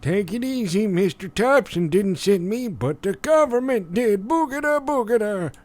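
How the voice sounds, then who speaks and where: A man putting on a silly, excitable, exaggerated character voice as a joke during game commentary. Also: high-pitched, moderate pace, voice pushed up. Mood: teasing. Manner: goofy, exaggerated.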